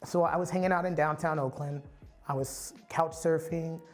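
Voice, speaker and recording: A man's voice: fairly high pitch, steady tone, normal speed, faint music behind. A man from the Bay Area giving a candid, reflective personal testimony as a storyteller. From San Francisco Bay Area.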